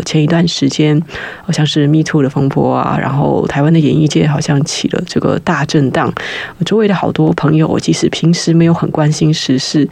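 Fast, rambling, gravelly young man. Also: fairly high pitch, a little mellow, no echo. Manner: fast, rambling, self-conscious with nervous laughs and restarts. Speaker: radio guest host. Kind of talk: casual radio chat. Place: radio studio. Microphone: studio mic with headphones.

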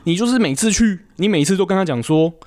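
A man's voice: high-pitched, expressive, fast talker, a little mellow. A man chatting casually on a podcast, giving persuasive advice and often asking "right?" to win agreement.

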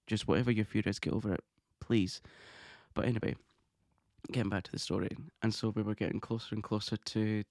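A man hosting his own podcast, talking in a chatty, excitable way and laughing often. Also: on the low side, a little fast, no echo, studio quality. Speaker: podcast host. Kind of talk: casual monologue podcast.

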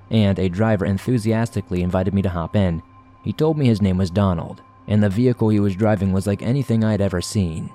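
For a podcast, a man narrates a scripted horror story in a measured, wry manner. His voice is a little low and mellow, and faint music plays underneath.

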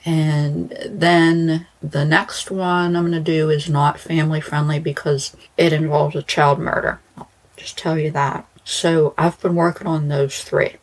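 A woman podcast host giving a casual solo update to listeners, in a rambling, informal way. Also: sits low. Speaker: true crime podcast host.

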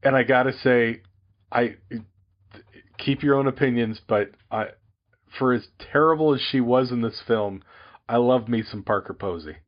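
A man chatting casually about a movie with friends, measured and wry, with small restarts. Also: mid-range voice, muffled recording. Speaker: podcast co-host. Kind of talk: casual movie-review chat.

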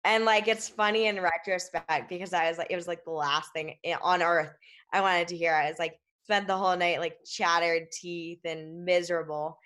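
A woman's voice: on the low side, steady tone, moderate pace, fairly bright tone. A woman climber telling stories in casual conversation, chatty and filling her speech with "like".

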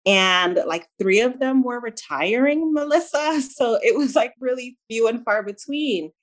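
A woman's voice: a little high, animated, unhurried. A woman with a slight Jamaican accent, chatting informally as an interview guest and telling her own story with plenty of "like" and "you know". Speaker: guest, dietitian and diabetes educator. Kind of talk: conversational interview answers, personal storytelling.

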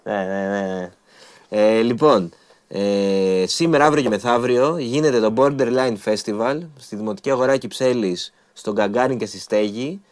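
A young man with a deeper voice chats casually as co-host, teasing his partner. He talks easily and laughs often. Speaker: co-host presenting event picks. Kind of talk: casual studio chat.

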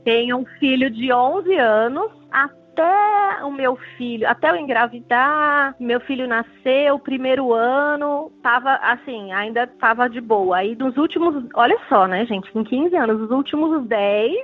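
A woman's voice: fairly high pitch, measured pace, few pauses, husky, faint music behind. A woman caller, telling a personal story in a hesitant, reflective way with many restarts. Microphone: phone. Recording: tinny phone line.

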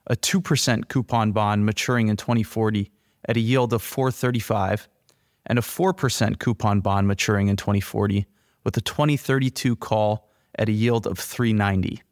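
A man's voice: lowish voice, moderate pace, dry recording, clean studio sound. A man delivering scripted financial commentary as a podcast host.

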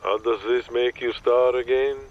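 A man's voice: mid-range voice, flat delivery, moderate pace, highs cut off, natural voice. A man voicing a weary older male Hollywood agent, dry and exasperated. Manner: dry, exasperated, Yiddish-flavored.

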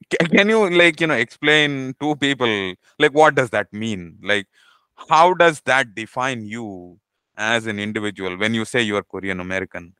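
A male podcast host with a low, bright, crisp voice. He asks his questions thoughtfully and hesitantly, leaning on "you know" and "um". The sound is close and dry. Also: no room sound. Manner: thoughtful, hesitant, many fillers. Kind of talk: casual interview talk.

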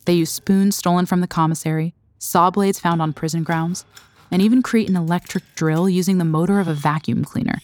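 Low-voiced woman narrating a documentary. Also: steady tone, a little mellow. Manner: measured, dramatic storytelling. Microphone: studio voice-over.

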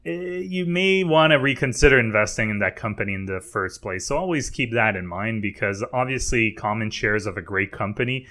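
A podcast co-host with a French Canadian accent talks through investing in a relaxed, explanatory way. His voice sits a little low but has a bright, forward edge. He pauses on fillers and restarts his sentences now and then. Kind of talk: casual podcast chat.

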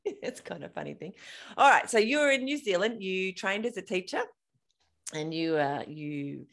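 A woman with a mid-range, slightly bright voice speaks at normal speed in an animated way. She's hosting a podcast interview, eager and talkative, frequently tripping over her words and restarting her sentences when asking questions.

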